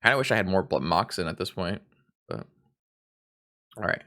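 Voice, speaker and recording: Male card game streamer, fairly low voice, hungover, self-deprecating and sweary, rambling live commentary. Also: lively intonation, moderate pace, pushed and bright.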